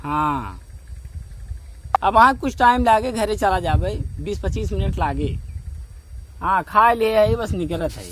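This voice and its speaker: His voice is high-pitched with lively intonation, a measured pace and frequent pauses as he rambles and repeats himself in a complaining phone conversation. He's a comedian doing a skit, with an Awadhi accent from eastern Uttar Pradesh, recorded outdoors in noisy surroundings.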